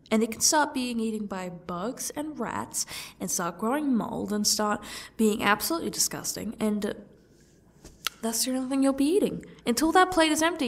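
A woman playing a smug, sadistic yandere stalker in a breathy ASMR role-play, talking to her captive in a taunting, condescending way. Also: mid-range voice. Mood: coaxing, threatening. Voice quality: breathy, husky, dropping into speaks softly. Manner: slow, taunting, condescending, faux-gracious.

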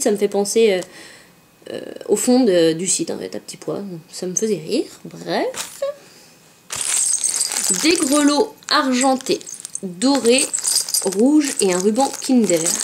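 A woman's voice: mid-range voice, a little hiss or hum. A woman vlogger chatting casually as she unboxes craft supplies at home, often saying euh and hop. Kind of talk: casual unboxing show-and-tell.

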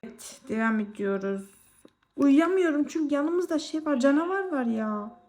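A young woman chatting casually to viewers while playing a game, excitable and quick to exclaim. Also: high voice. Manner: excitable, exclaims and squeals often. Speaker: gaming vlogger. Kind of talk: casual gameplay commentary.

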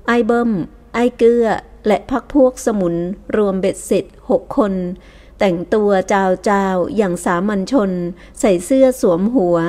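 A woman narrates an audiobook. Her storytelling is measured and even. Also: mid-range voice. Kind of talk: scripted narration.

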